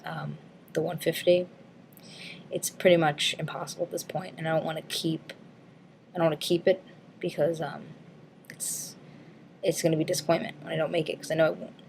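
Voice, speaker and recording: A woman vlogger talks through her week in a loose, rambling way. She is frank and casual, with plenty of ums and likes and the odd swear word. Her voice sits a little on the low side. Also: flat delivery, a little fast, vocal fry, long pauses, darkish tone, slight background noise. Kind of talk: casual weight-loss update vlog.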